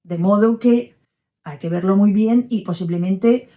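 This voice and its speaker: A woman immigration lawyer who speaks in a measured way, adding clarifications as she discusses the rules with her colleague. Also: medium pitch, warm tone. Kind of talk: explanatory conversation.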